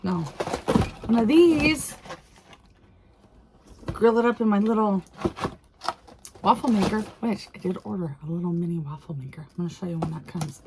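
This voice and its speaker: A woman vlogger talking casually and gushing with excitement, laughing often as she goes. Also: lowish voice, a little fast, background noise. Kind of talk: casual unboxing vlog.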